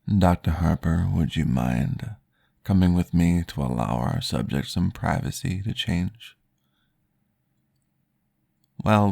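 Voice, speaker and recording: In a close-mic ASMR roleplay, a man plays a courteous vampire leading a therapy session, formal, polite and soft-spoken. His deep, creaky voice is exaggerated for the character, and the sound is dry with no echo.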